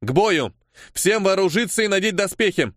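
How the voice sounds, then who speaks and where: A young warrior princess, calm and decisive, as a male narrator voices her. She gives short orders without fuss. Close, dry sound. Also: medium pitch, moderate pace, no echo, natural voice.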